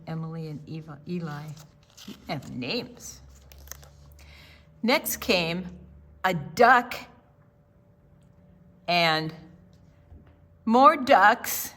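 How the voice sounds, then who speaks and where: An older woman with a lowish voice reads aloud to young children at storytime. She's deliberate and expressive, stopping for chatty asides and questions to her small listeners.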